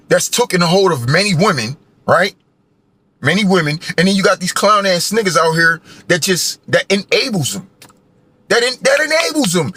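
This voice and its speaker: Heated, high-voiced man in his forties. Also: sharp tone, no room sound. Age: 40s. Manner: heated, profane, preachy, repetitive tag questions. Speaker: vlogger. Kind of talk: angry monologue rant.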